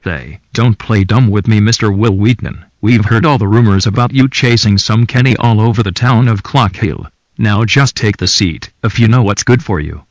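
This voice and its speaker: A gruff interrogator who barks threats in a lowish voice, as a man puts him on. The recording is dull and dry, like a lo-fi home setup. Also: moderate pace, no echo, lightly acted. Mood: threatening. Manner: gruff, barking. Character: tough threatening male interrogator.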